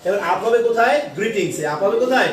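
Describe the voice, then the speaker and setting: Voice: medium pitch, expressive, fast talker, crowd noise. Teacher drilling a class in a roomy classroom. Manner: repeats questions and has the class answer back. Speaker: English teacher. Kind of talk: classroom lesson with call and response. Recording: echoey classroom from far off with pupils.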